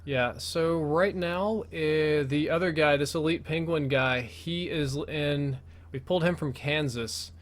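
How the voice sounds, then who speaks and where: A man's voice: on the high side, fairly bright tone. An American man doing casual live commentary as the host of a gaming video, his S sounds slipping a little because he wears braces.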